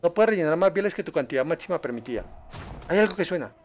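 Streamer man, high voice, excitable live play commentary. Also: fast talker, slight background noise. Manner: excitable, yelps and laughs at danger, chats with viewers. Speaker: gaming streamer.

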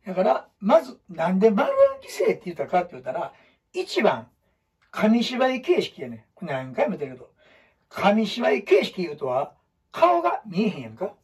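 Man, Kansai accent, emphatic teacher, very husky, heard from off the mic. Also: moderate pace, distant mic. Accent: Kansai (Osaka). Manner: animated, emphatic, shifts between loud bursts and low asides. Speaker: storytelling teacher. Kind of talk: lecture to students.

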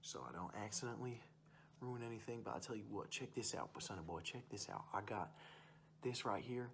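In an ASMR roleplay recorded close up in a small indoor room with audible background noise and hum, a young man plays a wild, rustic uncle who boasts about hunting and fishing. His slightly low, fairly bright voice has vocal fry, and he rambles quickly and expressively in a folksy, bragging way, circling back to stock phrases. He sounds boastful and enthusiastic.

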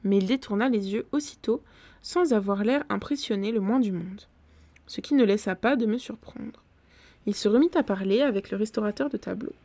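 A woman reading a classic novella aloud on a live stream, in steady storytelling with occasional self-corrections. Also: mid-range voice, moderate pace, dry recording. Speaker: book reader on a live stream.

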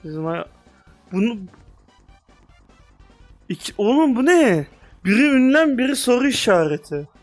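Excitable young man narrating a game. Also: very high-pitched, unhurried, pauses often, faint music behind. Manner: excitable, slangy, loud outbursts and laughs. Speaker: gaming youtuber. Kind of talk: casual game commentary.

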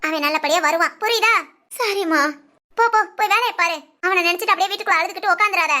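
A kindly older village woman in a spoken storybook, as a woman storyteller puts her on. She soothes and gently scolds in a very high, bright voice. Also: fast. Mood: soothing.

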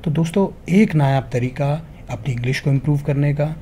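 Man, English teacher, mellow warm tone, earnest and encouraging, faint background hiss. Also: a little high, normal speed. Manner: earnest, addresses viewers as friends, mixes English phrases. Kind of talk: motivational spoken lesson.

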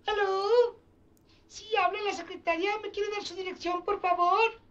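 A man's voice: very high voice, steady tone, measured pace, a bit bright. A man in his fifties doing a woman's voice as a polite phone secretary in a comedy film. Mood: polite, businesslike. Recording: distant, dull old film soundtrack.

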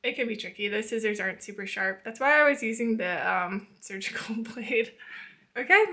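A young woman with a fairly high voice hosts a hands-on how-to video. She gives friendly, patient step-by-step instructions and often breaks into small laughs. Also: moderate pace, bright, forceful tone. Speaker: channel host teaching plant tissue culture. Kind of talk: casual instructional voice-over and live coaching.

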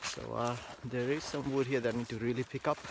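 A man's voice: mid-range voice, steady tone, quick pace, background noise. Rambling man vlogging outdoors. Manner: rambling, thinking aloud with many fillers. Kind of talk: casual walk-and-talk vlog. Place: outdoors on a snowy rural property. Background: faint outdoor rural ambience.

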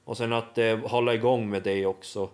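A young man vlogging casually, halting and restarting often as he tries out new words. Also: lowish voice, fairly even intonation. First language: Swedish and Finnish. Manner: halting, full of restarts and fillers, sounding out foreign words. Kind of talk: casual vlog.

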